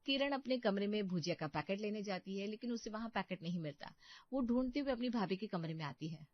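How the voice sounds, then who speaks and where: A woman's voice: mid-range voice, lively intonation, fairly quick, no room sound, dull audio. A woman narrating a scripted cartoon story in a plain, matter-of-fact way.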